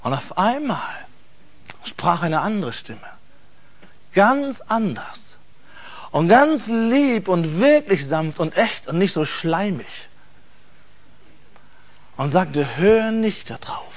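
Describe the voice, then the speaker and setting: A man telling an emotional personal faith testimony, earnest and halting, repeating words for emphasis. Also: high-pitched, very animated, dull audio. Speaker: speaker giving a faith testimony.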